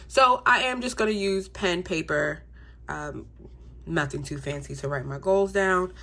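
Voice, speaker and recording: This budgeting YouTuber is a young adult woman whose voice is congested, lowish, and gravelly. She chats casually with her viewers at a measured pace, relaxed and saying um frequently.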